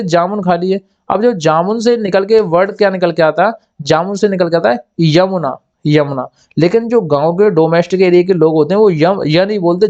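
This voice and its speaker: A man's voice: on the high side, darkish tone, dull audio. A man teaching memory tricks for exams, repeating key words and asking and answering his own questions. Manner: acts out little scenes in quoted voices. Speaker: exam coaching teacher.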